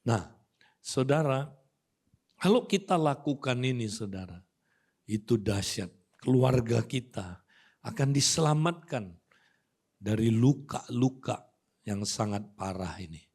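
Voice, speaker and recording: An older male pastor delivers a sermon to his congregation at a slow, measured pace. His phrases often end in a soft, falling murmur. He shifts into a gentler, lower tone to act out quoted conversations. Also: expressive, breathy edge. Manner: addresses listeners as saudara, soft trailing line ends. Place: church auditorium.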